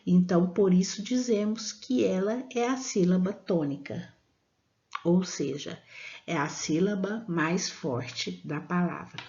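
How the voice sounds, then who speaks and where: A woman teacher explaining a lesson to children, speaking slowly and deliberately and drawing out the example words. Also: on the low side, mellow. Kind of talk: slow classroom explanation for children. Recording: dull lo-fi sound.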